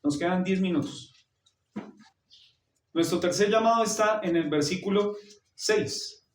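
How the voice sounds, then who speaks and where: A man's voice: sits high, unhurried. A man preaching a sermon as pastor, putting questions to the congregation and answering them himself. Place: church hall. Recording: roomy church hall, mic far off, faint noise.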